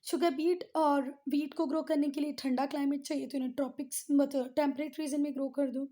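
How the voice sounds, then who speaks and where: A woman's voice: sits high, fairly even intonation, a little fast, dark tone. A woman teaching a school class, patiently explaining and repeating key terms, mixing English textbook phrases into her Hindi and often calling on the students.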